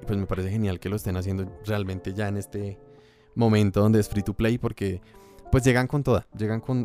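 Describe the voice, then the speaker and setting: Laid-back male co-host, low voice, loose talk, music underneath. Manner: relaxed, rambling with fillers and restarts. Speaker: podcast co-host. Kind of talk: casual chat.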